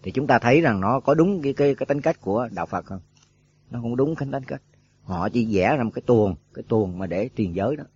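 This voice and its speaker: Monk preaching, lots of "cái cái", rhetorical questions, muffled dry old tape. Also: male voice, mid-range voice, expressive, quick pace, a little mellow, husky, no room sound. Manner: rambling, repeats filler words, rhetorical questions. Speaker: Buddhist monk teacher. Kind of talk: dharma talk to monks. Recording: dull lo-fi dry recording.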